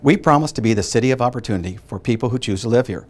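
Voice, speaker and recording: A man running for city council, giving a formal, measured campaign statement. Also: mid-range voice.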